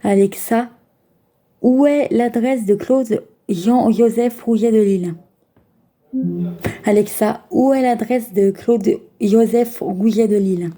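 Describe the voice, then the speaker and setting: A woman's voice: fairly high pitch, slow, dark tone. A woman vlogger in casual chat, giving spoken commands and chatty asides, with some stumbles. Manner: chatty, stumbling, talking to a device.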